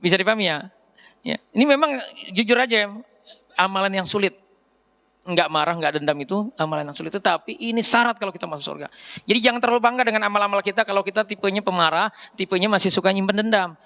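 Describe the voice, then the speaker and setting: A man's voice: sits high, fast talker. A middle-aged man preaching a casual sermon, often asking his listeners questions. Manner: lively, asks the audience questions.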